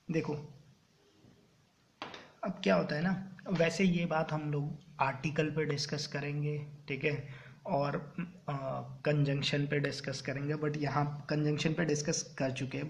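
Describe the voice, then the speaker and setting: A man coaching exam students on English grammar in Hindi mixed with English terms, often checking "clear?" as he goes. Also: fairly high pitch, level tone, measured pace, a little hiss or hum. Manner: keeps checking understanding with "clear?" and "ok". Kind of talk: classroom-style exam coaching lecture.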